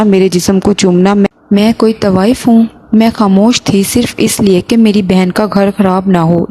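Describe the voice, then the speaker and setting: A woman's voice: mid-range voice, mellow, lightly acted. A woman reading a defiant, outraged young woman. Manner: stern, accusing.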